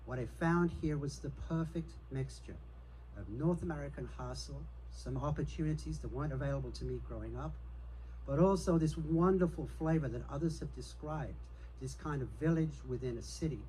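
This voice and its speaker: A man's voice: a little high, brisk, warm tone, slight background noise, rough recording. A middle-aged man gives a confident, personable campaign speech as a city council candidate. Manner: confident, personable, self-assured.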